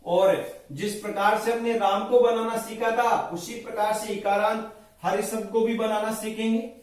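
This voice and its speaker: A man teaching Sanskrit grammar, slowly drilling and reciting word forms for his students. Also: high voice, little pitch movement, darkish tone. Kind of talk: classroom lecture with recitation. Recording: very echoey room, voice from a distance.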